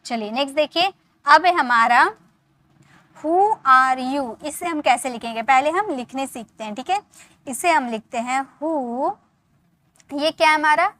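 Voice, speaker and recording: Speaking at normal speed in a high, fairly bright voice with no echo, a woman teaches beginner English through Hindi explanations. She quizzes the viewer, patiently spelling words and repeating how they are pronounced.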